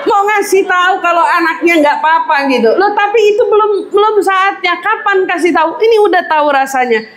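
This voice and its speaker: A woman's voice: extremely high pitch, animated, brisk, hardly any pauses, fairly bright tone. A woman preacher giving a parenting lecture in a mosque, acting out mothers' lines and laughing often. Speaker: Islamic preacher. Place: mosque hall with audience. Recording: echoey hall, audience noise.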